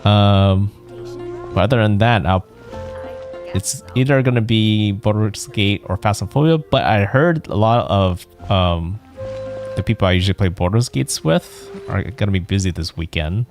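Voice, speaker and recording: Over soft background music, a man streams a game and talks casually, thinking aloud in a meandering way. His voice sits on the low side with a darkish tone, at a moderate pace.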